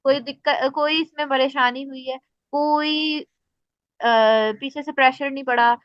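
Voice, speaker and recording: A woman with a Pakistani Urdu accent teaches Quran recitation in a relaxed, patient lesson, stopping to recite examples slowly. Her voice sits high. The recording is dry and slightly muffled. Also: no room sound. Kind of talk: casual spoken lesson.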